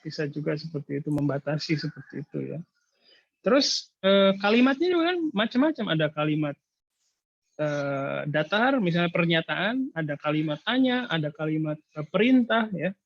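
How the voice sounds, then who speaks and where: A man's voice: a little high, big pitch swings, dry recording. Guy lecturer advising on a thesis over a video call, lots of uhs, dry muffled sound. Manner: explanatory, hesitant, frequent filler pauses. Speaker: university lecturer. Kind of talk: casual thesis advising in an online seminar.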